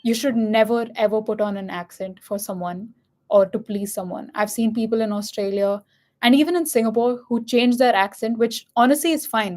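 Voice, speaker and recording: A woman's voice: mid-range voice, a little mellow. Earnest woman with an Indian accent. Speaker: vlogger. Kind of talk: casual personal storytelling.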